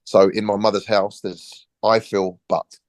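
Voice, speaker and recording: A man in his forties, a former footballer and podcast guest, telling a relaxed story and acting out the dialogue. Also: fairly low pitch, measured pace, no echo. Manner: lively storyteller, acts out quoted dialogue, frequent restarts.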